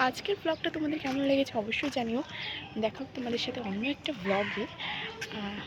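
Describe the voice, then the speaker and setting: A woman's voice: high voice, lively intonation, quick pace. A young woman vlogging outdoors in a garden, chatting to her viewers while filming on a phone and often asking whether they can see. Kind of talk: casual vlog talk to viewers. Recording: outdoor phone audio with background noise.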